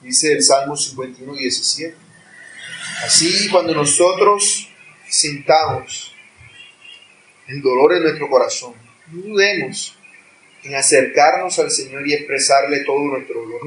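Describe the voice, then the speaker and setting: A man's voice: a little high, a bit bright, slight background noise. A man preaching a sermon in a church, earnest and at times rising to impassioned pleading. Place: church hall. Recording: echoey room, voice far from mic.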